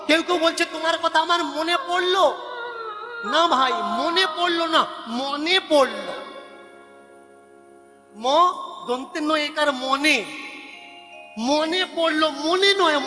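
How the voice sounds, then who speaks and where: A man's voice: extremely high pitch, sharp tone, big-room sound. A man with a Bengali accent preaching a devotional sermon, arguing his points and correcting how words are pronounced. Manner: argumentative, corrects word pronunciation emphatically. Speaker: religious preacher.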